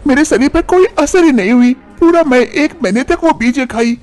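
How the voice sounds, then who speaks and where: A man voicing a young daughter-in-law in a cartoon story, speaking in a high falsetto. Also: lively intonation, moderate pace, darkish tone. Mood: pleading.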